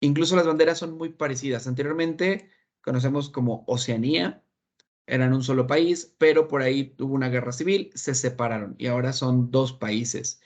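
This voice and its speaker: A Mexican Spanish-accented man teaches English online, patiently explaining, repeating points, and checking understanding with frequent "¿ok?" He speaks at a moderate pace in a medium-pitched, slightly mellow voice.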